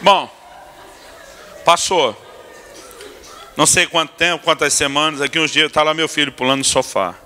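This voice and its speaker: A pastor preaches with a bright, forceful voice that sits a little high for a man. He acts out family scenes with lively comic asides, and a long church reverb trails each phrase. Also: normal speed, long pauses, a faint crowd. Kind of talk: humorous sermon storytelling. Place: church sanctuary.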